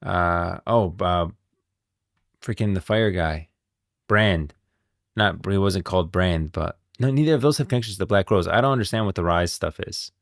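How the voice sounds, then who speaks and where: There's vocal fry in this man's low voice, and he talks at a moderate pace on a dry, studio-quality recording. He hosts a casual game lore stream, meandering as he thinks aloud and frequently saying things twice.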